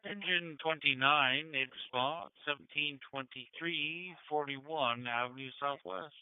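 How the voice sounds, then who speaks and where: Crisp, higher-voiced man dispatching over radio. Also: measured pace, dry recording. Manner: procedural, matter-of-fact. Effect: two-way radio transmission. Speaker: fire and medical dispatcher. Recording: tinny narrow-band scanner radio.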